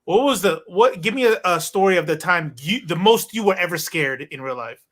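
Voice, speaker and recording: A man hosting a panel chat on a video call, joking around and quick to laugh. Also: sits high, lively intonation, fairly bright tone. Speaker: host.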